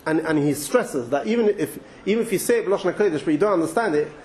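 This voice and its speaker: A man's voice: fairly high pitch, expressive, fast, darkish tone, a little hiss or hum. Chatty English man teaching Torah. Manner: chatty, thinks aloud with restarts and asides. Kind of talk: informal Torah talk.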